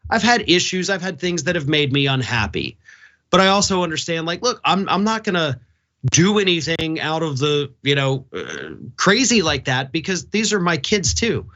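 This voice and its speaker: Bright, emphatic male co-host, slightly high. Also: sing-song, moderate pace, dull audio. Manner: emphatic, disapproving. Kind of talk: opinionated conversational commentary.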